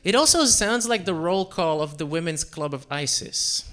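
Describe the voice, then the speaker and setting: A young man from Central Europe performing a self-deprecating stand-up set on a comedy club stage, with deadpan delivery and frequent fillers. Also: fairly high pitch, moderate pace. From Czech Republic and Slovakia.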